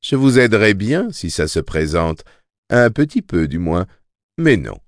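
A man's voice: lowish voice, very animated, no echo, studio quality. A man playing an aloof, detached arbiter. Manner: measured, cool, detached. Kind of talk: audiobook character reading.

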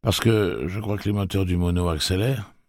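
A man voicing a sardonic, nervous young man who speaks in quick quips. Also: sits low, no echo, studio quality, pitched above the performer's own voice. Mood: wry.

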